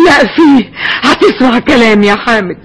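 A woman's voice: on the high side, animated, normal speed. An actress playing a caring older sister who coaxes and encourages her brother in a tender way, with an Egyptian accent, as in a 1960s Egyptian radio drama. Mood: coaxing.

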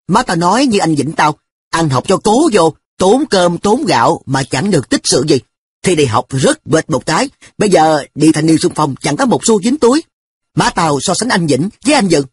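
Breathy raised-voice schoolboy, nonchalant slacker, read by a man in an audiobook. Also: on the high side, pitched above the performer's own voice, exaggerated voice. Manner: offhand, nonchalant. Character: stubborn carefree schoolboy who shrugs off studying.

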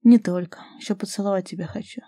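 A woman reading the part of a confident young man in love, speaking softly and calmly. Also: mid-range voice, fast, dry recording, clean studio sound, natural voice. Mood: tender teasing.

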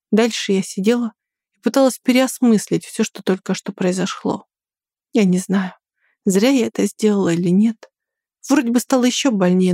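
A woman reading a first-person story aloud in a quiet, restrained way. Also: mid-range voice, no room sound, clean studio sound. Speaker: audiobook narrator.

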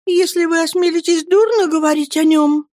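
A woman's voice: very high-pitched, steady tone, normal speed, darkish tone, no echo, studio quality, pitched above the performer's own voice. Woman doing a trembling timid young mother. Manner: trembling, faint and plaintive. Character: timid, frail young mother, tremulous and easily overwhelmed. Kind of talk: audiobook character voice.

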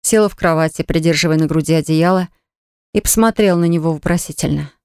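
A narrator reading a romance novel aloud in a lively, wry storytelling manner. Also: mid-range voice, quick pace, clear, resonant tone, no echo, studio quality. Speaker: audiobook narrator.

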